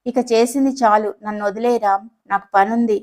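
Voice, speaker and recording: A coy young wife in a romantic audio story, voiced by a woman narrator. She protests with mock annoyance that never sounds truly cross. Her voice sits fairly high. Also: steady tone, moderate pace, mellow, lightly acted. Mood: coy pleading.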